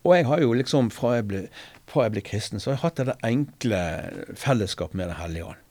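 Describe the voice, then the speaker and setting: An interview guest shares a testimony about his faith in casual conversation, speaking in an expressive, slightly mellow mid-range voice with no room sound. He's earnest and hesitant, full of fillers and restarts, and retells the story in a preacher-like way.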